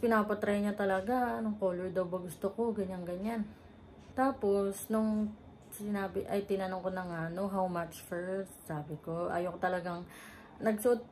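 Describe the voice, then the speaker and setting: A woman's voice: lowish voice, darkish tone, a little hiss or hum. A young woman from the Philippines, telling a travel story in a casual vlog, chatty and laughing often, mixing in English words. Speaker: travel vlogger.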